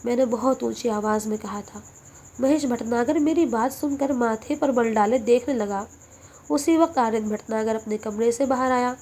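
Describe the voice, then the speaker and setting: A woman narrating a scripted emotional story in steady, dramatic first person. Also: a little high.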